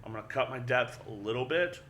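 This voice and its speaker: A young man with a bright, forceful voice tells a story with lots of energy, swearing freely and stumbling over repeated words. His pitch sits in the middle range. Faint noise hums in the background. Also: animated, fairly quick. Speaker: guest powerlifter. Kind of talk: casual storytelling chat.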